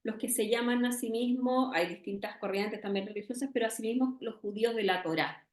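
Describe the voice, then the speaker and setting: A woman's voice: on the high side, a little fast, roomy sound. A Chilean woman with a Chilean Spanish accent, earnestly explaining as an interview guest, often checking with tag questions.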